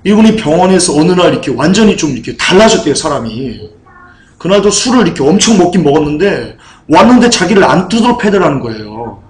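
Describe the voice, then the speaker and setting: A man's voice: fairly high pitch, sing-song, fast, echoey room, poor audio. A man preaching a sermon as pastor, with emphatic, repeated appeals to the congregation.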